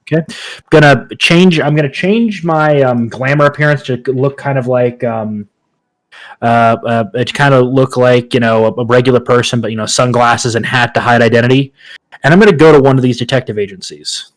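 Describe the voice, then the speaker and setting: A man's voice: mid-range voice, moderate pace. A man playing a tabletop game, talking casually and hesitantly as he plans his moves. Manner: hesitant, lots of ums and restarts. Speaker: player.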